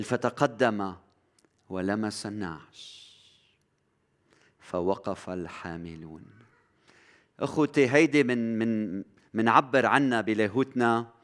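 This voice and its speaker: A man with a Lebanese accent preaching a sermon as pastor, rising to loud cries and dropping to hushed, near-whispered lines. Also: fairly low pitch, measured pace, long pauses.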